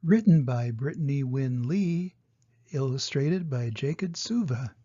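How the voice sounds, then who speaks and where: Animated and measured, a gravelly-voiced grandfather reads a storybook to young listeners, stopping to explain it gently. He has a husky, medium-pitched voice, and the audio quality is dull.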